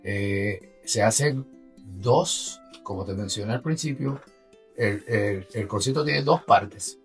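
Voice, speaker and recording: A man's voice: on the low side, takes it slowly, recorded from a distance, faint music behind. A man with a Puerto Rican Spanish accent talks conversationally as an interview guest, explaining with animation and checking in with his listener. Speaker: orchestra musician and guest.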